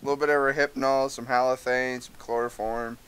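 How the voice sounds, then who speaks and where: A man's voice: mid-range voice, flat delivery, fairly quick, a bit bright, clear, resonant tone. A man playing a tabletop game, trading casual, sardonic, teasing banter with the group.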